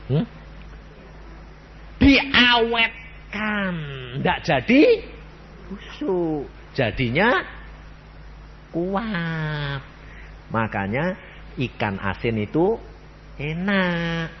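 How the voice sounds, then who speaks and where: Animated old preacher. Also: male voice, on the high side, drawn-out words, pauses often, muffled recording, a little hiss or hum. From Central Java, Indonesia. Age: 80s. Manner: animated, peppers the congregation with rhetorical questions. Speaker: evangelist preacher. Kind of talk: sermon.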